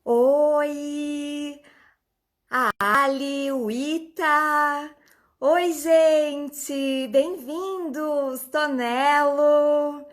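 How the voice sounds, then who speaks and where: Slow, high-voiced woman hosting a live stream. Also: steady tone. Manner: greets viewers by name, chatty. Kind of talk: casual live stream chat.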